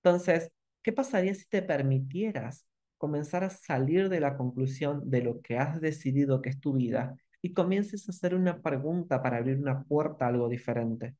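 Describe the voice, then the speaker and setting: A man with a Rioplatense Spanish accent teaching an online masterclass, animated and repeating questions with emphasis. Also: fairly high pitch, moderate pace.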